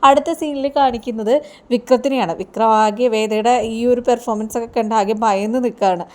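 A woman's voice: a little high, fairly even intonation, brisk, darkish tone. Chatty woman recapping a serial. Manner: chatty storytelling with filler tags. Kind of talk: retelling a TV serial episode.

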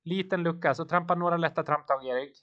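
A man's voice: on the high side, a bit bright, highs cut off. A man coaching his team live over voice chat during a virtual bike race, encouraging riders and calling out watts and turns.

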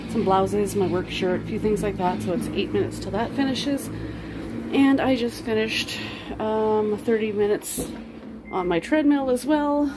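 Still winded after a workout, a chatty middle-aged home vlogger rambles cheerfully about her day in a slightly high voice, thinking aloud as she works in her kitchen and dining room. Her casual running commentary reaches a phone camera set some distance across the room. The sound is roomy and distant, ringing around a hard, very echoey space over steady household noise.

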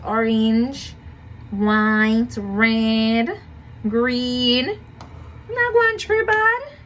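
A woman's voice: medium pitch, slight background noise. A young woman with a Jamaican accent chatting casually as she cooks in her home kitchen, repeating herself and laughing at her own efforts. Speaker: cooking vlogger. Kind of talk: casual cook-along chat.

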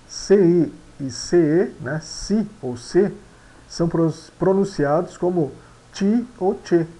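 A man from Brazil with a Brazilian Portuguese accent, teaching a video lesson in an unhurried way, often ending phrases with a questioning tag and filling pauses with hesitant sounds. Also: mid-range voice, creaky, mellow, rough recording. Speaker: language teacher.

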